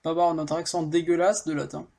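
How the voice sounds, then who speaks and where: This cycling vlogger, a middle-aged man from Auvergne, France, talks a little fast in a slightly high, darkish voice with vocal fry and little pitch movement. Nursing a heavy cold, he narrates his bike ride casually, bluntly and with swearing.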